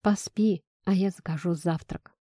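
A woman's voice: steady tone, unhurried, warm tone, no echo, clean studio sound. A woman voicing a brooding, possessive young man. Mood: purring. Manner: low, purring and menacing.

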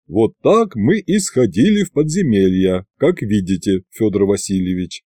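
A man's voice: fairly low pitch, animated, moderate pace, dark tone, breathy edge, no echo. A man voicing a tired, grim male undead commander who speaks in short, clipped lines. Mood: weary.

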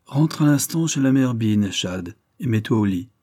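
A man's voice: medium pitch, expressive, normal speed, warm tone, no echo, studio quality, lightly acted. A man reading a commanding lord in an audiobook, giving firm orders. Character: commanding middle-aged lord.

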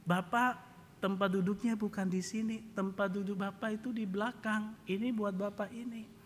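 A man's voice: high-pitched, steady tone, moderate pace, a little hiss or hum, pitched above the performer's own voice, close to an everyday voice. A man playing a patient polite pilot. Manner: patient, explaining. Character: calm polite male airline pilot. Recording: reverberant church hall.

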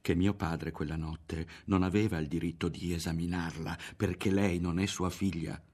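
A man voicing an excitable boy who blurts out a secret, talking in a high, breathless, insistent way. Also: normal speed, husky. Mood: eager. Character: excitable boy full of wild news.

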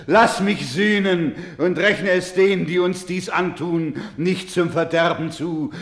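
In this German radio drama, a male actor whose voice sits high plays an anguished, devout doctor who cares for orphans. At a measured pace he speaks gravely, solemnly and pleadingly, as if in desperate prayer.

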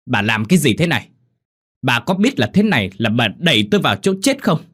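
A man's voice: low-pitched, moderate pace, slightly rough. A man voicing a greedy, cruel middle-aged son who hisses and snarls, in a ghost story. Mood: angry. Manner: snarling, hissing.

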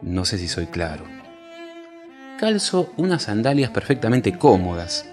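Man playing a lazy vain old-looking god, low and slow. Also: very animated, a little mellow, soft background music. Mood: languid. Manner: slow, drawn-out and self-satisfied.

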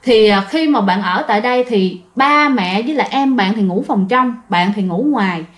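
A woman's voice: mid-range voice, expressive, normal speed. A woman with a Southern Vietnamese accent telling ghost stories in a chatty way, often turning to her listeners. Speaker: storyteller. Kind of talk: casual ghost-story telling.

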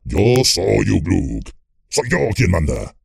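A hoarse, growling orc captain, as a male narrator puts him on, low and gravelly, barking orders as if nobody could argue. The audiobook voice is husky and recorded dry and close. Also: very animated, slow pace, darkish tone, dry recording, exaggerated voice. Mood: boastful. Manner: commanding, blunt. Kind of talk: audiobook character voice.

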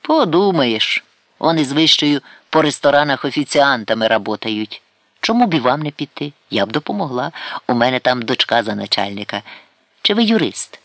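A man's voice: medium pitch, very animated, moderate pace, a bit bright, no room sound. A man reading an audiobook and voicing a vain, boastful aging woman who talks coyly and mixes Russian words into her Ukrainian. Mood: scornful. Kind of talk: audiobook character voice.

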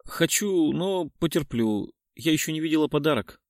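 A man's voice: on the high side, animated, normal speed, no room sound, clean studio sound, pitched above the performer's own voice. A man reading an audiobook, voicing a playful, demanding young woman in a raised voice. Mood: curious. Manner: teasing, demanding.

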